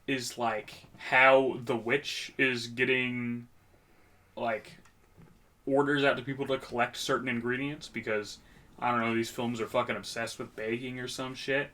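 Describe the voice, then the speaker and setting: A man's voice: medium pitch, level tone, measured pace, pushed and bright. A man co-hosting a casual comedy podcast, recapping a film in a rambling, profane way. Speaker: podcast co-host.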